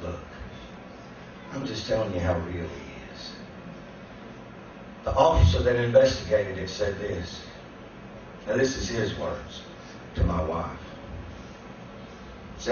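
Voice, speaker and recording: A man preaching as a guest pastor. He tells a personal testimony that builds into shouted preaching. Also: lowish voice, animated, measured pace, long pauses, a little hiss or hum. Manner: storytelling that climbs into shouted preaching. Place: church sanctuary. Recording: echoey church room, distant dull mic.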